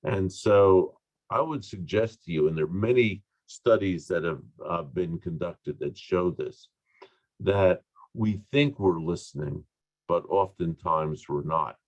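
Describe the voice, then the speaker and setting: A man giving an online training talk on communication, deliberate and emphatic, with asides and fillers, recorded over a video call. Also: deep voice, dry recording, muffled recording.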